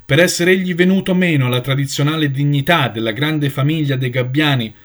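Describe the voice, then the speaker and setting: A man's voice: fairly high pitch, a little fast, close to an everyday voice. A man playing a solemn old seagull elder. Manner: solemn, ceremonial proclamation. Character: old male seagull elder, stern and ceremonial.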